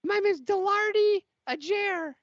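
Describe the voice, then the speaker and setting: A man's voice: very high-pitched, a little slow, a bit bright, no room sound, voice pushed up. A man voicing a nervous, chatty young male podracer who rambles and stammers. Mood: friendly. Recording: dull lo-fi audio.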